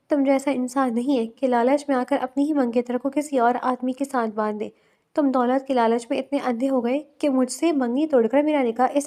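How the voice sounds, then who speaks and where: Casting: young wife, fierce and protective, high voice read by a woman narrator. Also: mellow, lightly acted.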